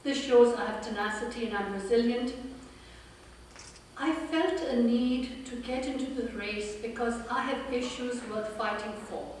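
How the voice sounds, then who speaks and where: A woman's voice: a little high, a little slow, a little mellow, slight background noise. Woman, 50s, candidate at a forum; earnest with dry humor; recorded from far off in an echoey room. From India and Pakistan. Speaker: political candidate. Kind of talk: campaign speech.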